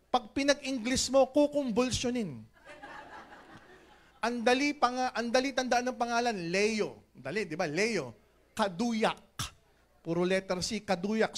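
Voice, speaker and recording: A middle-aged man giving a lively motivational business talk on stage, joking and calling out to the crowd, booming on punchlines and dropping low on asides. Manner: animated, jokey, swings between loud punchlines and low asides. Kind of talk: stage motivational speech with audience call-and-response. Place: large event hall with an audience.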